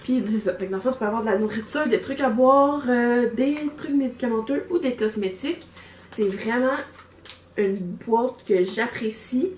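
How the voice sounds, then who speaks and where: A vlogger with a Québécois French accent chats casually while unboxing a subscription box, rambling with plenty of fillers and restarts. Her voice is a little high and slightly mellow, at a moderate pace. The camera mic picks up an echoey room and faint background noise.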